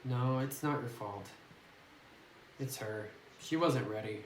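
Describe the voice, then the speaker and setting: Recorded on a distant phone that picks up room echo and noise, a man slowly reads a horror visual novel's text aloud at medium pitch. He reacts nervously whenever something scary happens in his let's play.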